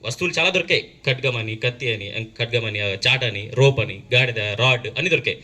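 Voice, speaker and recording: A man teacher telling a moral story to students at a school assembly, in an animated storytelling manner. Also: mid-range voice, a little fast.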